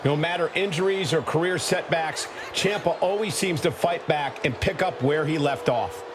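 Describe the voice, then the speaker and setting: A man doing wrestling commentary, calling the match with excitable, punchy calls. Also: fairly high pitch, normal speed, noisy background, natural voice. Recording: loud crowd and music behind.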